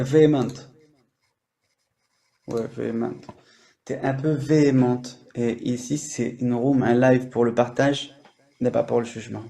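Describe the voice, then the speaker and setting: A man's voice: mid-range voice, gravelly, warm tone. A French-speaking man hosting a language-learning live stream, explaining casually with many fillers and restarts.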